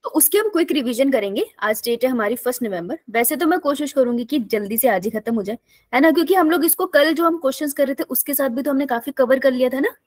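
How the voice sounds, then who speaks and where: A woman's voice: high voice, animated, fast talker, darkish tone, no echo. Chatty woman teacher, dry close sound. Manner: chatty, storytelling, laughs often. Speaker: online biology teacher. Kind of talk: casual live online class.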